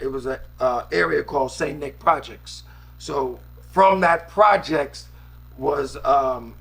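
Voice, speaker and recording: A man's voice: on the high side, gravelly, a bit bright. A middle-aged man, a radio DJ from Harlem, telling stories in a casual interview with lots of ums and restarts. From Harlem, New York City. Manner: rambling storyteller, frequent ums and restarts. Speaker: radio DJ and guest.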